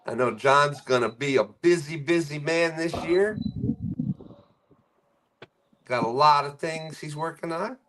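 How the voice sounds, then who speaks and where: A man's voice: fairly high pitch, a little slow, long pauses, noisy background. A man hosting a live fishing stream, casually greeting viewers and reading their comments aloud with frequent chuckles.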